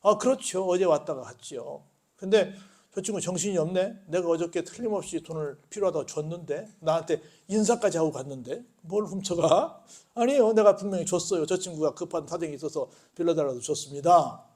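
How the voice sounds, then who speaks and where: A pastor voicing a calm unflappable teacher. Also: male voice, fairly high pitch, brisk, lightly acted.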